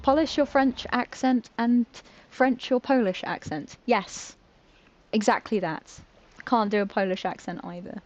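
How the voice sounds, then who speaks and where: A woman's voice: fairly high pitch, unhurried, darkish tone, muffled recording. A British woman streaming a game, chatting casually, giggling and poking fun at herself as she trips over words. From Britain. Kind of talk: casual live-stream chat while playing.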